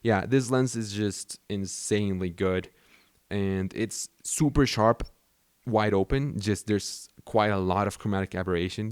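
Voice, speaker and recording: A young Mexican vlogger whose first language is Spanish rambles casually about his camera gear, full of fillers and restarts. His voice sits low, captured dry in clean studio sound.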